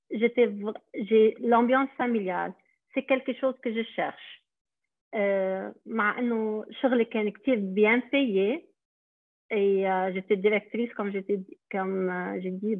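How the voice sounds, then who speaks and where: A daycare centre director, a middle-aged woman from Lebanon, speaks with an Arabic accent while hesitantly recounting her personal testimony on a webinar, leaning on many fillers. Her pitch is medium, and there is no room sound, though the video call audio is tinny and phone-like.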